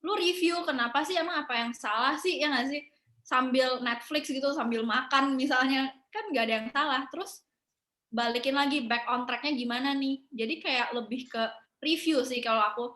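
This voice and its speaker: Young woman, high bright voice, laid-back chatty guest, laughs a lot, echoey room. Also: moderate pace. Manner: relaxed, mixing in English phrases, laughing often. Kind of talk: casual interview chat.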